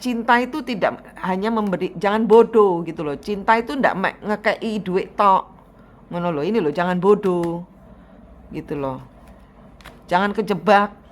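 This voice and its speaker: A woman's voice: mid-range voice, animated, normal speed, long pauses. A woman giving a tarot reading, advising bluntly and emphatically, slipping into phrases. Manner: blunt, emphatic advice with repeated "gitu loh", drops into Javanese phrases. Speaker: tarot reader.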